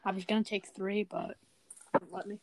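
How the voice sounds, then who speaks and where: A teenage girl hosting a casual chat, talking with frequent fillers and pauses. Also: medium pitch, flat delivery, darkish tone, slight background noise, rough recording. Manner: chatty, hesitant with fillers. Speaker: podcast host.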